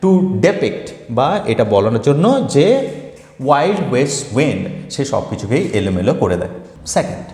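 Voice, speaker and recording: A man's voice: medium pitch, a little mellow. A man teaching English poetry, explaining a poem line by line and mixing English terms into his talk. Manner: reads poem lines slowly and deliberately. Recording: echoey room with long reverb.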